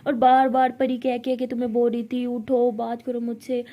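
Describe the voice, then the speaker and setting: Woman doing a brisk, chatty nurse. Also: on the high side, completely flat delivery, mellow, pitched below the performer's own voice, lightly acted. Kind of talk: storytelling with voiced dialogue.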